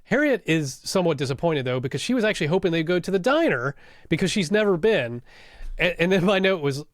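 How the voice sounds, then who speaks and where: A man's voice: on the high side, sing-song, fast talker, no room sound, studio quality. A man co-hosting a casual podcast, recapping a TV episode scene by scene and breaking into laughs and asides. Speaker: podcast co-host.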